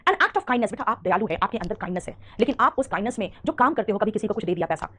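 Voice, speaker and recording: A woman's voice: medium pitch, animated, bright, forceful tone. A woman with an Indian accent teaching an English grammar class, addressing her students affectionately and correcting them as she goes. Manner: fast, scolding-affectionate, calls students "beta".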